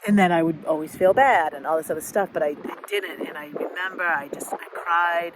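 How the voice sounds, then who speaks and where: A middle-aged woman speaking candidly in a halting, reflective personal monologue, with many fillers and restarts. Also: lowish voice, background noise. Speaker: podcast host.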